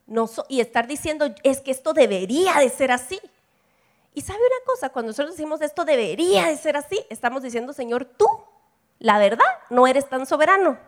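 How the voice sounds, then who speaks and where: A middle-aged woman with a Central American Spanish accent, preaching a lively sermon and acting out family dialogue. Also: a little high. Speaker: preacher at a women's gathering.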